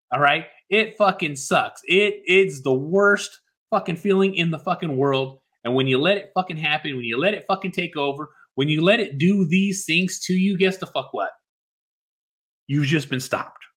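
A man giving an emphatic motivational speech, exhorting forcefully with heavy swearing and repeated phrases. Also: on the high side. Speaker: motivational speaker.

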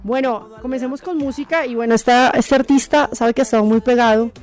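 A woman's voice: fairly high pitch, steady tone, brisk, darkish tone. A woman, hosting a radio magazine show and introducing music and guests. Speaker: radio host.

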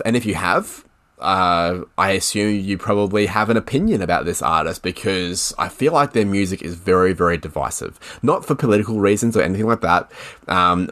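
This podcast co-host has a low voice with a fairly bright tone. He chats casually, explains things at length, and laughs often.

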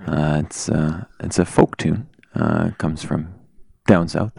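A man putting on a smooth radio host voice, halting with many fillers as he introduces a song. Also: rumbling low, steady tone, darkish tone, no room sound, clean studio sound, full character voice. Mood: mock-smooth. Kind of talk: mock radio announcing.

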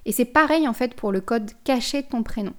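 A woman's voice: a little high, fairly quick, a bit bright. Female podcast host, thoughtful spiritual talk, personal and direct. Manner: reflective, addresses listener directly, frequent restarts.

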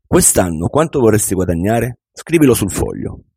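A man's voice: on the low side, very animated, a little mellow, slightly rough, no room sound, studio quality, full character voice. Man voicing a patient older millionaire mentor. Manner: patient, measured, instructive. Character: wise, calm older male millionaire mentor. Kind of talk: audiobook reading.

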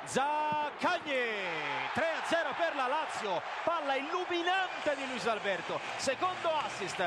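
High-pitched man commentating football goals. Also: lively intonation, unhurried. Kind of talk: excited live goal commentary. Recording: loud noise behind commentary.

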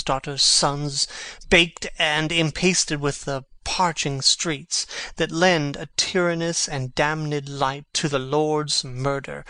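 A man playing a brooding, sharp-witted young prince, speaking verse theatrically. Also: on the high side, dry recording. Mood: grim. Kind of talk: reading a stage play.

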